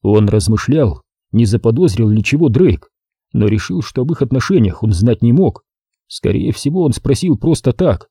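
An audiobook narrator reads a crime thriller from a script at a moderate pace, his mellow, somewhat husky voice rising and falling in a lively way. The recording is dry and close, with no room sound.

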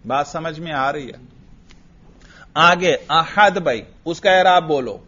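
A man teaching Arabic grammar in a lecture, quizzing students with quick questions and having them repeat answers. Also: fairly high pitch, bright, forceful tone. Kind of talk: classroom lecture with drilling questions. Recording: dull lo-fi lecture recording.

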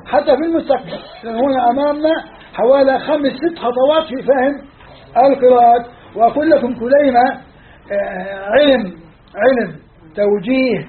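Levantine male religious teacher, very high voice, emphatic classroom lecture, thin phone-like sound. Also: slight background noise. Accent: Levantine Arabic. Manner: emphatic, repeats and counts off points. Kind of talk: classroom lecture on scripture study. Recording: phone-like narrow band.

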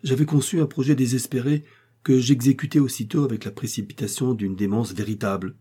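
A man reading a classic novel aloud as a dramatic first-person narration, measured but with passionate outbursts. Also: medium pitch, fairly even intonation, mellow, husky. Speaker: audiobook reader.

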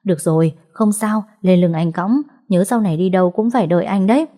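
A woman voicing a young boy, a protective big brother who speaks gently and reassuringly. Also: fairly low pitch, brisk, natural voice. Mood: gentle.

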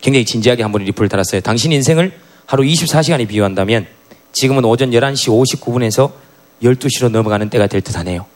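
On a TV music show's studio stage, a man with a mid-range, rapid-fire voice reads listener comments in comic banter. He's lively, acts out funny voices and laughs often, recorded in a broadcast studio with a live audience.

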